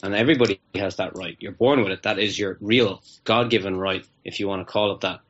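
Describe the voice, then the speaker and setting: A man, a guest telling a story in a casual, animated way, acting out both sides of each exchange. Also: lowish voice, a little fast. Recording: muffled lo-fi audio.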